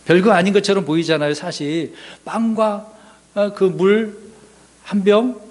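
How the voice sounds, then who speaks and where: Higher-voiced man preaching a sermon. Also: steady tone, a little slow. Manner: asks the congregation questions, swings from loud to hushed. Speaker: pastor.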